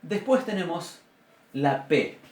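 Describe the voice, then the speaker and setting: A man teaching a Biblical Hebrew class with an Argentine Spanish accent, explaining patiently and sounding out letters aloud, often clearing his throat. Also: a little high, lively intonation, slow pace, echoey room. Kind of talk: university class lecture. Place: classroom with a blackboard.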